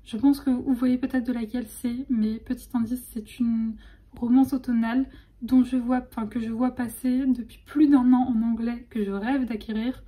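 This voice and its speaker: A young woman chatting excitedly in a casual vlog, full of fillers and restarts. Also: on the high side, moderate pace. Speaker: vlogger.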